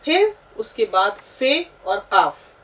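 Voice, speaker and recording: A woman with a fairly high voice teaches a beginners' class, walking through each letter shape slowly and patiently. She points things out as she writes. Her voice sits a little back from the microphone. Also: big pitch swings, fairly bright tone, recorded from a distance, poor audio. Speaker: Urdu teacher. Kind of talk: step-by-step script lesson.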